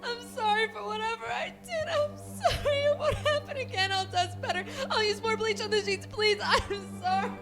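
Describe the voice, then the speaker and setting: A woman voicing a terrified young housemaid who pleads in shrill, sobbing cries. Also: moderate pace, few pauses, music in the background.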